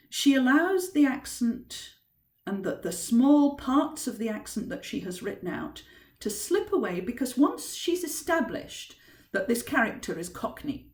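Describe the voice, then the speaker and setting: A woman's voice: fairly high pitch, a little mellow. A woman author giving an informal teaching talk on writing, thoughtful and emphatic as she explains. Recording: roomy echo.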